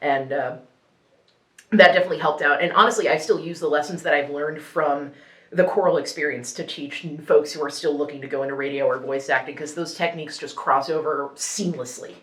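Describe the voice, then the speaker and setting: Taking on a hot wing challenge, this young woman, a radio news presenter and native Ukrainian speaker, giggles, rambles and reacts to the spice as she chats. She speaks a little fast in a low, slightly bright voice, with the room echoing around her.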